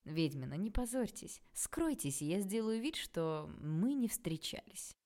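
A woman's voice: mid-range voice, big pitch swings, a little slow, mellow. A woman voicing a stern, irritated male university lecturer who talks in a cold, clipped, scolding way. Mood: cold irritation.

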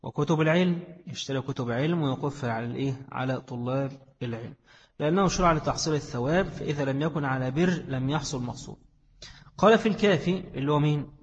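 A man's voice: medium pitch, fast, big-room sound, muffled recording. A man with an Egyptian Arabic accent teaching a class on Islamic jurisprudence. He keeps putting questions to his students and answering them himself. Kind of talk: classroom lecture on fiqh.

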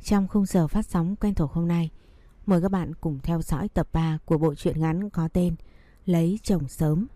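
A woman's voice: lowish voice, moderate pace, dark tone, no room sound. A woman hosting a story channel, giving a polite, formal scripted introduction. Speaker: channel host.

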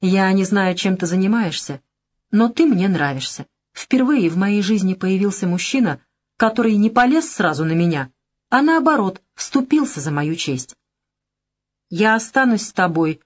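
A woman voicing a fierce, vindictive young woman who speaks harshly and angrily. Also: medium pitch. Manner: angry and harsh.

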